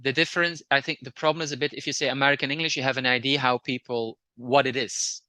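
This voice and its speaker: A man's voice: mid-range voice, fairly even intonation, quick pace, bright, forceful tone, no echo. A man from Belgium with a Flemish accent and Dutch as his native language, explaining things in casual conversation, often hesitating and repeating words. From Belgium, near the Dutch border. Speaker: interview guest.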